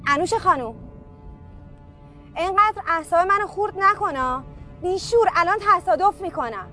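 A chatty young woman with a very high voice, speaking quickly and with emphasis in feature-film dialogue. Faint film music plays under her lines. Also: lively intonation, pushed and bright, heavily acted. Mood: irritated. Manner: quick, emphatic, pleading when scolded. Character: chatty young woman, excitable then defensive. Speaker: film character on a phone call. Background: film score music.

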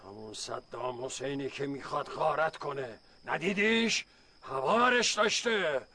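An actor playing a weary, secretive older village father who talks gravely in proverbs, in a radio drama. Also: medium pitch, lively intonation, pushed and bright. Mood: brooding. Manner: solemn, speaks in proverbs. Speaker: village elder and retired folk singer.

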